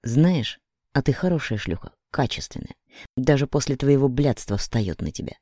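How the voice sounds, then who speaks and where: A man's voice: mid-range voice, lively intonation, moderate pace, dark tone, dry recording, clean studio sound, lightly acted. A man doing a sneering, bitter young man. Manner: sneering, cruel mockery. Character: bitter, contemptuous young man betrayed by his lover.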